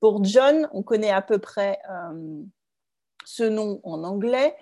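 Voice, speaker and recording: A woman teaching French in an online lesson, speaking clearly and slowly, often checking in with her students. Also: medium pitch, animated, mellow. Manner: clear, slow, checks with "d'accord?".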